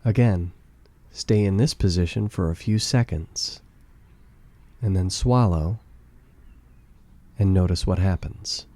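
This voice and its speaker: Slowly, with long pauses and no room sound, a man leads a meditation. His low, very mellow voice delivers soothing instructions gently and calmly, in a warm, relaxed tone.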